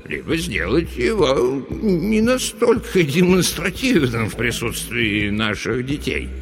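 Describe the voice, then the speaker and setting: An actor playing a calm male official who speaks in a measured, reassuring way. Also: medium pitch. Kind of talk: audiobook reading. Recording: reverberant with background music.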